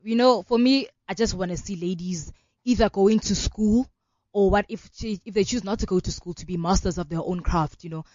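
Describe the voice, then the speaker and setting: This is a woman in her twenties with a South African accent, a law student who founded an organization, being interviewed on radio. Her mid-range voice is brisk and a little mellow, her manner earnest and fluent with frequent "you know" fillers. The audio sounds dry and dull.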